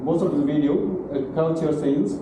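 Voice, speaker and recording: A middle-aged man with a fairly high voice lectures at a moderate pace in a large university classroom, speaking broken English and frequently asking "okay?" and "right?". A far-off room camera captures him, leaving the sound very echoey and noisy.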